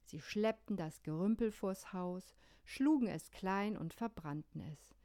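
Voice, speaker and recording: A woman pastor giving a radio devotional sermon, calm and measured, telling a story. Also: mid-range voice.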